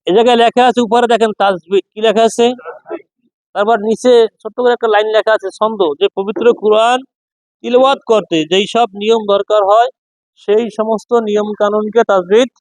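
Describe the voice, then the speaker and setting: A man leads a recitation lesson in a strikingly high voice. He drills his students, asking the same question again and again in call-and-response. The sound is dry, with almost no room around it. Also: steady tone, a little fast, no room sound, poor audio. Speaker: Quran recitation teacher. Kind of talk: classroom lesson.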